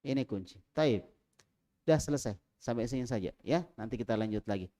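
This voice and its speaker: A man teaching an Arabic class in a small prayer room, calling on students and drilling them, with loud prompts and quiet asides. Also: medium pitch, lively intonation, fairly quick.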